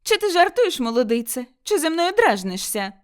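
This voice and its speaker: A sharp-tongued older village mother-in-law from an audiobook, shrill and scolding, as a woman narrator puts her on. Her voice rides high and swings widely as she shouts. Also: big pitch swings, normal speed. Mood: furious. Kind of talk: audiobook character voice.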